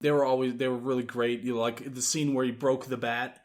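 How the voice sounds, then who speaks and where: A man co-hosting a deadpan comedic podcast about movies, rambling through absurd claims and often laughing at his own jokes. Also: mid-range voice, a little fast. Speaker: podcast co-host.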